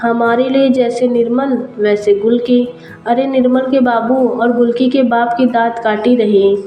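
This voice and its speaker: A woman's voice: a little high, steady tone, a little slow, muffled recording, close to an everyday voice. A woman voicing a shrewd middle-aged village mother who coaxes in rustic dialect. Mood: coaxing. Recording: roomy with faint music.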